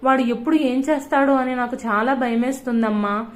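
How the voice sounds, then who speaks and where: A woman's voice: high-pitched, brisk, close to an everyday voice. A woman voicing a frightened teenage schoolgirl who pleads and sobs in a storybook tale. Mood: tearful. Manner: pleading, sobbing.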